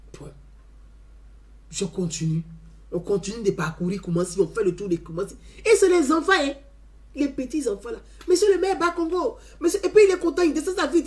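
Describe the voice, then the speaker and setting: Lively woman telling a story. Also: a little high. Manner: emphatic, repeats phrases, tags lines with "hein". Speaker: community member giving a testimony. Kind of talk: animated storytelling testimony.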